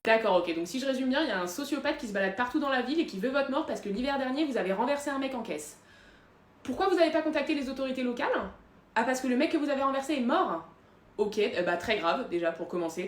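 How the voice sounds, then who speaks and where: A woman performing comedic sketch monologues, self-assured and deadpan. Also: fairly high pitch, echoey room. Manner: deadpan, self-assured, playing several characters.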